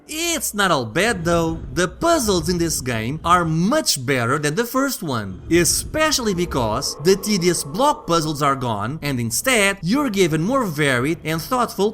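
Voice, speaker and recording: Animated male game reviewer. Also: high-pitched, a little hiss or hum. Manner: conversational, wry, jokey asides. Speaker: video game reviewer and host. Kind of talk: scripted review narration. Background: background music.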